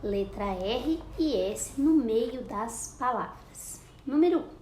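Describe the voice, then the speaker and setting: A higher-pitched woman talks young pupils through a lesson at an unhurried pace. She repeats words and sounds out syllables with patience. Her voice echoes around a room with a faint hum of ambience behind it. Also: animated, mellow. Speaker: primary school teacher. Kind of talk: recorded classroom lesson for children.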